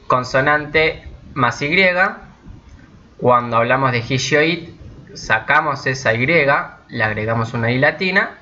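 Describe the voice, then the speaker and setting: A man whose first language is Spanish teaching English grammar step by step, often checking in with his students and slowing down to stress each example sentence. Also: medium pitch, pushed and bright. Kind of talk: recorded grammar lesson. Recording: dull lo-fi recording.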